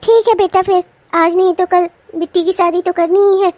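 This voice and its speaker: A gentle mother in a cartoon, worried and hesitant, as a woman puts her on. The voice is very high and sits close and dry on the mic. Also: fairly even intonation, moderate pace, no echo. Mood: concerned. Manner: hesitant, reasoning. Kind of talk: cartoon voice acting.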